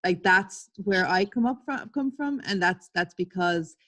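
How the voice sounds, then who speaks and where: A woman's voice: lowish voice, lively intonation, unhurried, sharp tone. Candid, laughing woman. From Ireland. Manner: candid, swears, laughs while telling stories. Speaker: artist and publisher. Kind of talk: casual online talk. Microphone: video call.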